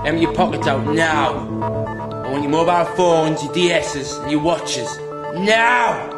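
An actor playing an aggressive young robber in a film, barking impatient threats in a menacing way. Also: male voice, fairly high pitch, measured pace. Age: young adult. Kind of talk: film acting. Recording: echoey room under loud music.

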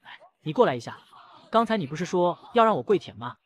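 A man's voice: high-pitched, sing-song, fast. A man voicing an arrogant young male fighter, cold and cruel, in a storybook comic retelling. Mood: cold taunting. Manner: cold, taunting.

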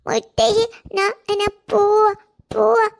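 Brief: woman as a tiny cartoon toddler, squeaky lisping baby talk, very high. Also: monotone, takes it slowly, vocal fry, heavily acted. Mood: babbling. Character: babbling little toddler girl.

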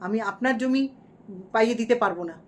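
A woman's voice: a little high, fast talker, close to an everyday voice. A woman doing a gloating shameless vlogger villain. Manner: gloating, mock-defiant rants. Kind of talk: mock livestream parody.

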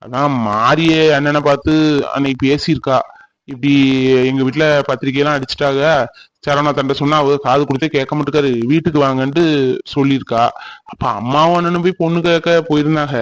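A man's voice: a little high, steady tone, natural voice, rough recording. A man voicing a heartbroken, lovesick young village man, speaking in a mournful, pleading way. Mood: troubled. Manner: mournful, pleading, slow and tearful. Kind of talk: cartoon voice acting.

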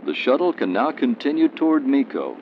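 A man reading scripted documentary narration in a measured, explanatory way. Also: mid-range voice, very animated, slight background noise. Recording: dull archival film soundtrack.

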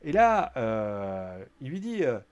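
A chatty man talks through a wrestling show in a loose, conversational recap. His pitch jumps around a lot, and he leans on fillers. He often slips into a raised voice to act out what the wrestlers said. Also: big pitch swings, takes it slowly, smooth, dull audio. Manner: chatty, lots of fillers, acts out quotes in a raised voice. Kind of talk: casual spoken recap.

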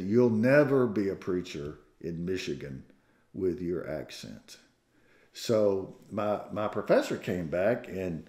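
A man's voice: lowish voice, a little mellow. A man in his sixties with a Southern American accent, preaching a sermon as pastor with folksy storytelling and self-deprecating jokes. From Southern United States. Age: 60s. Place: church sanctuary. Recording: echoey church room.

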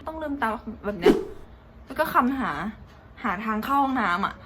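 A chatty young woman tells her own story casually, with a slightly high voice and loose, slangy talk. Loud background noise sits under her voice throughout. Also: moderate pace. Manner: chatty, animated, swears casually. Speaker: vlogger.

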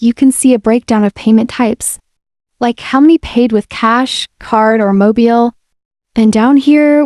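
With a slightly high voice, a woman offers a casual, friendly voice-over of an app, laying out each step in a relaxed way. She's a software demo presenter recording a screen-captured walkthrough through a voice-over mic. The result is clean studio sound with no echo.

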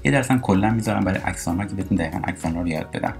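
A man teaching a recorded French lesson, explaining pronunciation and slowly repeating example words. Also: deep voice, creaky, faint music behind.

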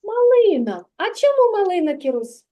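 Patient, high-voiced kindergarten teacher. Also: female voice, sing-song, darkish tone. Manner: patient, praising, slow and clear. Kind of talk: literacy lesson with a child.

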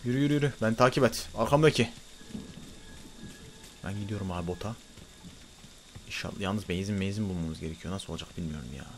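A young man giving excited let's-play commentary, swinging between loud frantic outbursts and muttering to himself. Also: low voice, fast talker, pauses often, a little hiss or hum. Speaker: gaming YouTuber.

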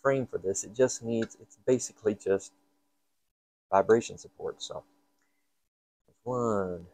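A hobbyist repair host narrates his hands-on work in an indoor workshop, casually and half to himself, in fragments. His voice is lowish and dark-toned, and he speaks slowly. There is no room sound.

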